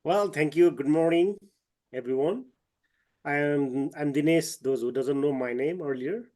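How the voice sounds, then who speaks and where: A man from eastern Nepal, a trekking guide and company owner, speaks haltingly with many fillers and restarts over a video call. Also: on the high side, a little mellow. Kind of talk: online webinar talk.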